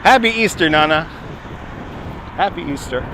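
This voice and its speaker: Walking a waterfront on a live stream, a man with a New York accent chats with viewers and answers them, laughing quickly. His voice is on the high side with lively intonation. Captured on a phone on a handheld gimbal, the audio is very noisy.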